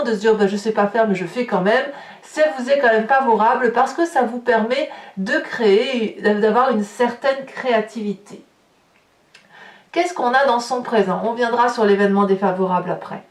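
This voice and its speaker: A woman with a French accent giving a chatty tarot reading to her viewers, full of fillers and restarts. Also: a little high. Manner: talkative, many fillers and restarts. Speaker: tarot reader. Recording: echoey room, voice a bit far from the mic.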